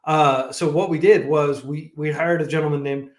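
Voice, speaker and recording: Speaking as a guest on a livestream, the founder of a coding nonprofit has a slightly high voice, a steady tone and a moderate pace. He chats casually, laughs a lot and keeps restarting sentences amid plenty of fillers, all in an echoey room.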